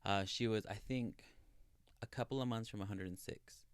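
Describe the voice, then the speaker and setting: A man in his thirties chats casually on a podcast in a low, smooth voice. He tells stories earnestly, with plenty of fillers. The sound is close and dry. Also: normal speed, no room sound. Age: 30s. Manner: chatty, earnest storyteller with many fillers. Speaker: podcast co-host. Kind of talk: casual chat.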